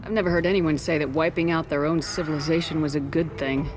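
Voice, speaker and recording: A woman's voice: sits low, steady tone, fast talker, lightly acted. A woman playing a tough, businesslike space-soldier commander in a video game, direct in manner. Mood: curious, dry. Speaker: military commander.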